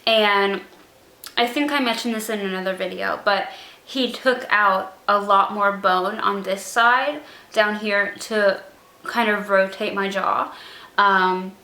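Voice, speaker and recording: A woman's voice: mid-range voice, steady tone, takes it slowly, pushed and bright, roomy sound. A young woman vlogging casually, struggling to pronounce her words after jaw surgery, rambling and self-conscious with many fillers. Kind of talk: casual vlog update.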